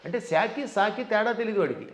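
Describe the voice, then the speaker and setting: A man, a scholar giving forceful, lecturing answers in a devotional interview, sometimes chanting mantras slowly. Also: high-pitched. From South India. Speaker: Vedic scholar guest. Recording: dull sound in an echoey room.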